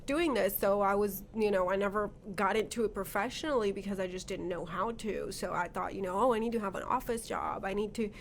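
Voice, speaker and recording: A woman's voice: medium pitch, a little fast, few pauses, a little hiss or hum. Chatty Brazilian-born woman guest. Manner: chatty, storytelling, frequent "um" and "you know". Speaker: podcast guest, makeup artist. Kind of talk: casual chat.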